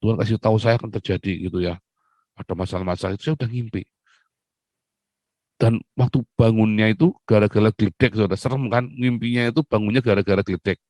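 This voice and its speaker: A man's voice: lowish voice, fairly even intonation, quick pace, a little mellow, dry recording. A man from Indonesia preaching a sermon with personal testimony, exclaiming often and addressing his listeners as brothers and sisters.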